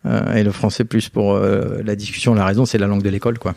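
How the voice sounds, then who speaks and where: A man's voice: on the low side, fast talker, gravelly, no room sound, clean studio sound. A man, a guest and father, telling family stories in a casual interview, acting out the voices of the people he quotes. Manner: animated anecdotes, acts out quoted voices.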